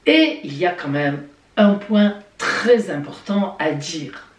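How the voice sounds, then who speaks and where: A woman's voice: lowish voice, animated, slow pace, recorded from a distance. A woman giving weekly horoscopes in a playful, chatty way, talking straight to her listeners. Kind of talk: casual horoscope reading. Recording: roomy sound from off-mic.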